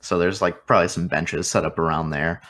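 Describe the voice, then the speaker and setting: A man narrating a tabletop game as game master. He talks in a loose, chatty way with a very low voice. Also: steady tone, a little fast, a bit bright.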